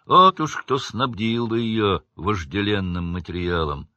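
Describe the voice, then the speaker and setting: A man's voice: on the low side, unhurried, bright, forceful tone, no room sound. A man voicing a teenage boy wizard who speaks dryly and sardonically. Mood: wry. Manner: dry, sardonic. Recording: dull lo-fi audiobook recording.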